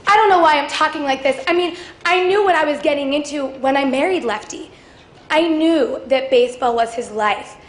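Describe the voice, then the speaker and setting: A woman's voice: high voice, moderate pace, natural voice. A woman playing a wistful ballplayer's wife. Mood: reflective. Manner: wistful, confiding. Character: long-suffering baseball player's wife. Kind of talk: stage monologue. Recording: echoey auditorium, faint ambience.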